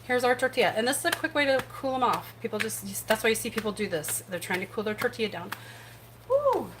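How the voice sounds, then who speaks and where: A woman's voice: a little high, fast, background noise. A woman hosting a casual home cooking livestream in her kitchen, chatty and rambling, poking fun at herself. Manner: chatty, rambling, self-deprecating. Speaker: cooking show host.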